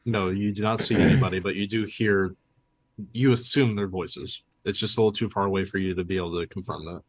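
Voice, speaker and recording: A man narrating and making rulings as game master, in a relaxed, easygoing way. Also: sits low, brisk, no echo.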